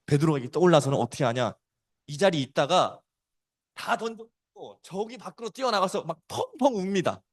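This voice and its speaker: Animated man preaching to children. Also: a little high, a little fast. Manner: animated storytelling, swings between loud and soft. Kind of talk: storytelling sermon for children.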